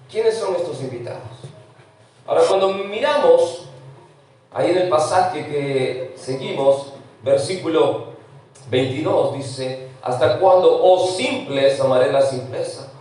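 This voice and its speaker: Pastor, male, middle-aged, preaching; high voice, mic far off in a very echoey church. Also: a little mellow, slight background noise. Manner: mixes English words into Spanish preaching. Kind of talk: sermon. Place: church sanctuary.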